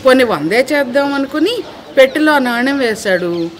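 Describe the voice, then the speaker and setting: A woman narrating a children's moral story in a lively, expressive way. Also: high voice, moderate pace.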